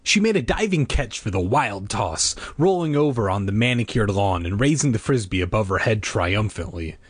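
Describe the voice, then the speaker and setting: Husky low-ish guy reading a kids book out loud, lively, jokey asides, dry sound. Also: moderate pace, dry recording. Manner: playful, breaks off for wisecracks. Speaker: reader.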